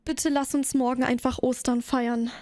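A woman's voice: sits high, flat delivery, normal speed, darkish tone, slight background noise. A young woman streamer chatting casually, flustered and giggly as she thanks her viewers. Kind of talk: casual live stream chat.

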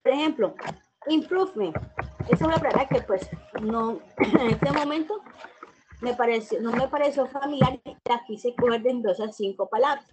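Higher-pitched woman teaching informally. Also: normal speed, very noisy. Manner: informal, explanatory, with fillers and repeated examples. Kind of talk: screen-recorded tutorial explanation.

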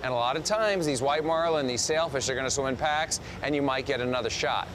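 Talking fairly quickly over the footage, a middle-aged man co-hosting a fishing show walks through fishing technique in casual detail from a TV studio set. His voice sits in the mid range, and the background is noisy.

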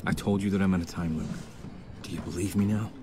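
A man's voice: low voice, fairly even intonation, fast talker, noisy background, close to an everyday voice. A man playing a desperate time-looped husband in a game. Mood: insistent. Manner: urgent, pressing questions. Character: desperate young husband trapped in a time loop.

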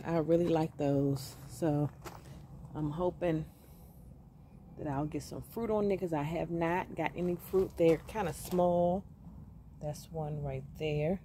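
A woman with a lowish, mellow voice walks through her outdoor container garden, filming on a phone held close. She chats in an upbeat, grateful way, pausing often and filling the gaps with little fillers. Faint outdoor ambience sits behind her. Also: slight background noise. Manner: upbeat and grateful, chatty with many pauses and fillers. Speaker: home gardener giving a garden tour. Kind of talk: casual walk-through narration. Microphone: phone camera held close while filming plants.

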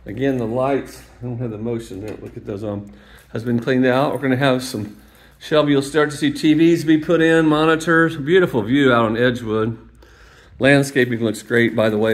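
A man at a middle pitch narrates a walking tour of an empty new building. He talks casually into a handheld phone and rambles between excited praise and quiet muttered asides. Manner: enthusiastic, rambling, often drops to a mutter. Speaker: parish staff member giving a building tour. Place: large new school building, empty gym and halls. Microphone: handheld phone camera, speaker off screen.

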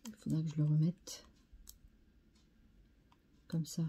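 A French woman with a low, husky, mellow voice hosts a scrapbooking video, speaking slowly and flatly. She chats casually while showing off craft mail, enthusiastically calling each piece "très sympa" again and again.

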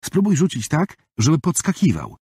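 A man's voice: a little high, huge pitch swings, moderate pace, dark tone, breathy edge, dry recording, clean studio sound, pitched above the performer's own voice, heavily acted. A man voicing a shy, earnest six-year-old boy in a storybook, asking careful, hesitant questions. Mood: eager.

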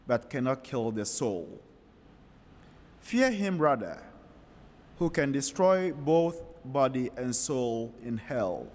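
A man reading the gospel at Mass, solemn and measured, heard with a cathedral echo. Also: mid-range voice, a little mellow. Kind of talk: liturgical scripture reading. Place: large church. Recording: long church reverb, distant from mic.

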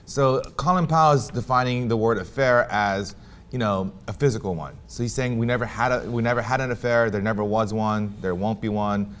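A man's voice: on the low side, a little fast. A man co-hosting a talk show, arguing his opinion emphatically and repeating his points. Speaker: co-host.

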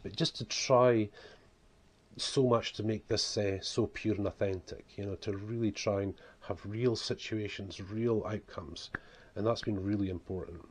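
A man's voice: fairly low pitch, steady tone, a little slow. A man in his forties with a broad Scottish accent, rambling through unscripted, casual talk to camera at home, often saying "you know". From Scotland. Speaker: vlogger and author. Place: small home room, indoors.

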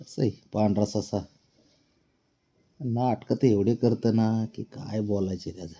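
A man's voice: on the low side, a little slow, mellow, slightly rough. Man playfully scolding his pet cat. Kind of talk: casual talk to a pet, teasing.

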